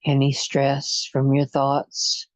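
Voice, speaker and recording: Slow counting and long pauses mark this soothing, hypnotic guided imagery relaxation session. The guide speaks at a medium pitch in a monotone, on a dull, lo-fi recording without echo.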